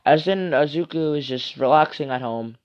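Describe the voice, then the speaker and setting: A man's voice: fairly high pitch, moderate pace. A man reading an improvised fan story aloud, rambling with many asides and fillers. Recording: muffled lo-fi recording.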